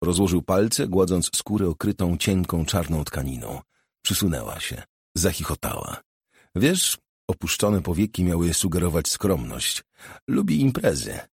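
A man reads a novel aloud in a steady, measured way. His voice is low and husky. The recording is dry and close, with no room sound. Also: no echo. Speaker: audiobook narrator. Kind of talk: scripted narration.

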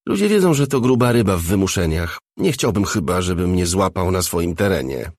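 A nervous, glum small-time fixer who mumbles reluctant answers, played by a male audiobook reader. The voice is deep, gravelly and husky, recorded close and dry. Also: very animated, a little fast, darkish tone, no echo, heavily acted.

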